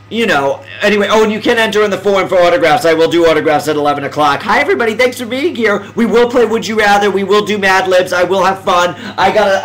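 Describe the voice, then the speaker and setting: A man with a high, light voice hosts a casual live stream, talking to viewers. He rambles and restarts his sentences, jumping from excitement to emotional reflection. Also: low-quality recording. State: emotional, close to tears.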